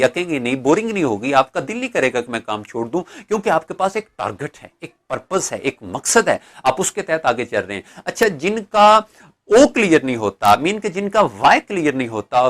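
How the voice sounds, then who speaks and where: A man's voice: medium pitch, fairly bright tone. A middle-aged man, giving an instructional lecture as a motivational speaker. He asks rhetorical questions and answers them step by step.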